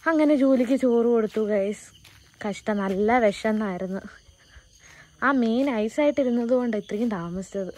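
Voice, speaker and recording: A woman's voice: on the high side, normal speed, mellow. A woman vlogging while feeding her pet, slipping into coaxing sing-song baby talk. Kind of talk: casual vlog chat while feeding a pet.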